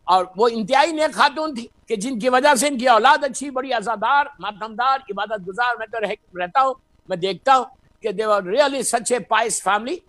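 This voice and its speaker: A man giving an impassioned sermon as a cleric, slipping in English phrases and breaking into shouts. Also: extremely high pitch.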